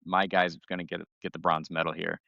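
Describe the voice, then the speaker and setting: A man's voice: low-pitched, flat delivery, a little fast, vocal fry, no echo, dull audio. A man co-hosting a podcast, chatting casually and jokingly, at times reading notes aloud. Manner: laid-back, jokey, reads notes aloud. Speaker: podcast co-host. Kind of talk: casual chat.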